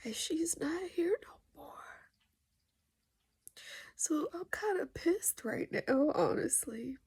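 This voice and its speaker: A middle-aged woman venting through tears, speaking softly in a halting, mostly whispered voice and sniffling. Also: sits high, lively intonation, no room sound. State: tearful and sniffling. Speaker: vlogger venting. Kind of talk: tearful personal vent monologue.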